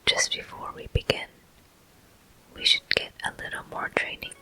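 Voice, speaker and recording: Gentle, breathy whispering carries the gameplay commentary here, delivered by the host of a gaming ASMR video. The phrases stay short and unhurried.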